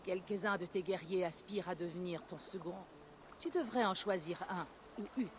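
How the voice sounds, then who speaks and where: Woman advisor in a viking video game, acted by a woman, measured, slightly low, background noise. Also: close to an everyday voice. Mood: advising. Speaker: game character.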